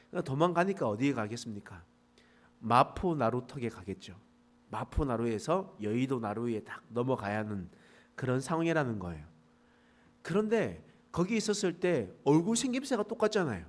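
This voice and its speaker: A man from the Gyeongsang region preaching a morning prayer sermon as pastor, telling the story with animated swings and then slowing into earnest prayer. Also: medium pitch. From Gyeongsang region, Korea. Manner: animated storytelling, retells scenes with lively vocal swings; slows and softens into earnest exhortation and prayer.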